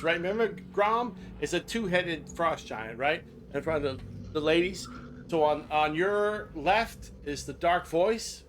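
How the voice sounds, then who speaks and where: A man's voice: on the high side, noisy background. An older man acting as game master for a tabletop game, talking loosely and often checking in with his players. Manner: loose and chatty, keeps checking in with "right?". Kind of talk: running a tabletop game in casual chat.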